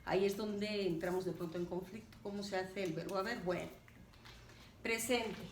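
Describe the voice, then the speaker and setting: A woman teacher gives a grammar lesson, talking slowly and deliberately and checking in with her students as she goes. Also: mid-range voice, fairly even intonation. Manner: slow and deliberate, checking in with "¿de acuerdo?". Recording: roomy, distant, faint background noise.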